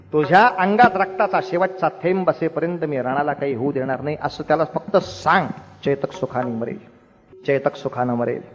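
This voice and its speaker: A proud warrior king speaks in a stern, commanding way, as a male storyteller puts him on. His voice is fairly high and sounds dull and lo-fi. A long hall reverb and faint music sit behind it.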